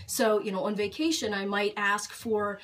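A woman's voice: mid-range voice, steady tone, normal speed, a bit bright. Frank, chatty woman talking to camera. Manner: frank and chatty, many fillers and restarts. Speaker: fitness vlogger. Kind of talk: casual talk to camera. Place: small indoor room.

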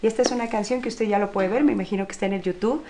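A woman hosting a television interview, asking questions in an animated, affectionate way. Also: mid-range voice, very fast, a little hiss or hum. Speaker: host.

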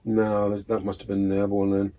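A man's voice: lowish voice, completely flat delivery, quick pace, mellow. A middle-aged British man chatting casually and bluntly, swearing and grumbling as he eats jelly beans. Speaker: taste challenge participant. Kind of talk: casual banter while tasting sweets. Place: indoor room, seated at a small table. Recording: clear background noise with clicks.

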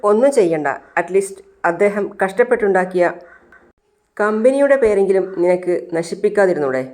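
A woman's voice: medium pitch, lively intonation, moderate pace, darkish tone, natural voice. A woman voicing an anxious middle-aged mother who scolds her daughter and pleads with her husband. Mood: scolding.

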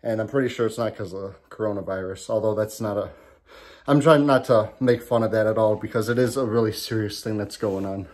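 A man's voice: fairly low pitch, brisk, a little mellow. A man in a casual home vlog, talking from his garage into a handheld camera, rambling with lots of ums and restarts and a bit out of breath. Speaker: vlogger.

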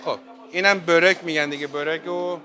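A man's voice: on the high side, fairly even intonation, sharp tone. A man giving a chatty walking tour of a hotel buffet restaurant, talking straight to his viewers with lots of fillers. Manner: chatty, addresses viewers as friends, many fillers. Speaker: hotel review vlogger. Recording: background music under voice. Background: background music.

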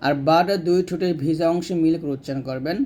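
A man teaching Quran reading step by step, stretching out letter sounds in slow drills. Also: a little high, warm tone. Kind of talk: step-by-step recitation lesson.

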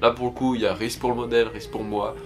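A young man in a medium-pitched voice. He chats casually to camera like a YouTube vlogger, recorded indoors at home. Music plays behind him. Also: level tone, very fast. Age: 20s.

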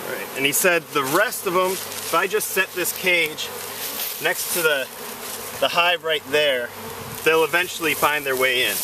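A man's voice: fairly high pitch, measured pace, background noise. A man outdoors, speaking casually and a little unsure as he explains what he is doing step by step. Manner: hesitant, unsure, self-deprecating. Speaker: first-time beekeeper. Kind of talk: casual how-to narration while working. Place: outdoors in a leafy yard. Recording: outdoor camera audio with buzzing bees, from a distance. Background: buzzing bees.

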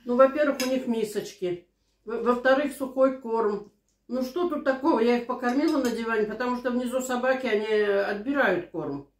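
A woman's voice: on the high side, normal speed. A woman in her sixties chatting casually and telling anecdotes over a meal at home. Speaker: mukbang vlogger. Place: small living room at home, indoors. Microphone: camera across the table. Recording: roomy, echoing home room.

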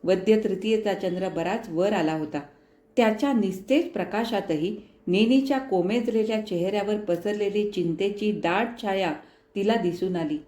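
A woman narrating a novel as an audiobook in an expressive, dramatic reading style. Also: medium pitch, moderate pace. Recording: echoey room.

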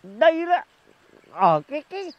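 A man's voice: very high-pitched, very animated, moderate pace, lo-fi sound. An actor playing a frail old father on the phone. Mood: pleading. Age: older. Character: frail old village father, stuck and calling for help.

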